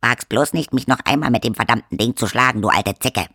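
A man's voice: mid-range voice, pushed and bright, slightly rough, no echo, studio quality. A man doing a tiny, coarse blue fairy warrior. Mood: gruff. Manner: coarse, blunt, quick-tempered.

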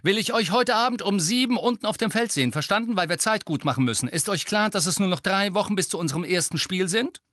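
A man voicing an eager, bossy teenage girl team captain in an audiobook reading, brisk and commanding. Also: high-pitched, expressive, fairly bright tone, dry recording, studio quality, pitched above the performer's own voice.

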